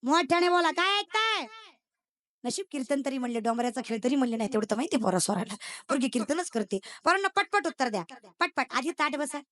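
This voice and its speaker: On a devotional gathering's stage, a young woman kirtan preacher delivers a comic sermon, teasing the crowd, firing quiz questions at them and slipping in English phrases. She talks fast in a high-pitched, fairly bright and very animated voice.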